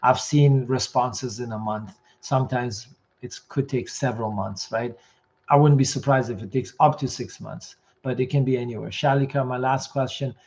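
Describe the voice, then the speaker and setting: A man with a mid-range, slightly mellow voice and fairly even intonation is doing a live immigration Q&A. He reads viewer questions out loud and replies quickly and plainly, though his voice is fading.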